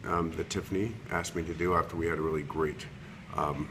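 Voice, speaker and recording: Here a Long Island, New York interior designer in his fifties introduces himself off the cuff via webcam, his low voice holding a steady tone. He stumbles along with ums and restarts. Behind him runs a faint hiss.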